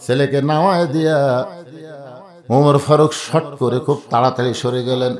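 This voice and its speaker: A man from Bangladesh with a Bogra dialect, preaching a waz sermon and telling a story, dramatically swinging from hushed to shouted lines and acting out the dialogue. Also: medium pitch, fairly even intonation, moderate pace. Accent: northern Bangladeshi (Bogra) dialect.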